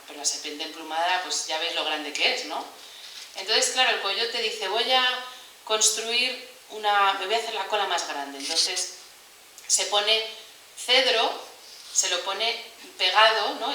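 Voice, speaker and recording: A woman giving a lecture, chatty, often tagging her sentences with "¿no?" and filling pauses with "eh". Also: medium pitch, pushed and bright. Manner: chatty, frequent "¿no?" tags and "eh" fillers. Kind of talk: lecture on oral tradition. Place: lecture hall. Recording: echoey hall, distant mic, hiss.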